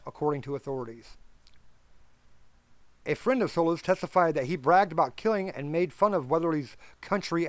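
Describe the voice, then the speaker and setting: Podcast host, male, slightly high voice, reads headlines then goes blunt and sarcastic; dry close mic. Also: no room sound. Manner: reads news stories aloud, then adds blunt sarcastic commentary; stumbles and corrects himself while reading. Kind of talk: reading news and commenting.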